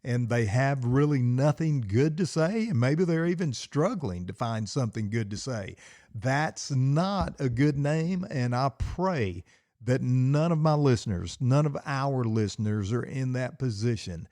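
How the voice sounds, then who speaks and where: A middle-aged man talks alone into the mic in his basement, working himself up like a pastor in the pulpit. His voice is warm and low in color, recorded close and dry with no room sound. He hammers points home with repeated, emphatic phrases. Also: animated, a little slow, no echo. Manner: fired-up, emphatic, preacherly repetition. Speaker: podcast host and pastor. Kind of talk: solo podcast with preaching.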